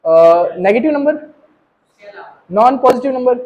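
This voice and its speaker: In a Hindi maths class laced with English terms, an Indian man speaks directly to students and asks questions to confirm they've got it. His very high voice is animated yet unhurried, and the recording has its highs cut off.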